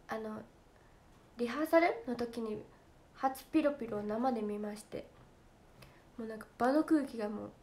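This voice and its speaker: A young woman with a Kansai accent chatting casually on a livestream for fans, giggly and talkative, slipping into quick impressions of friends. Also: a little high. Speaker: idol trainee streaming to fans.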